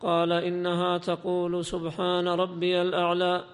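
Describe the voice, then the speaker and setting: A man with a high, smooth voice reads a classical religious text aloud in a lilting, drawn-out chant. His delivery keeps a flat, steady tone with a gravelly edge. The recording rings with a long reverb, as in a large hall. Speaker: student reader. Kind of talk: melodic reading of a classical text.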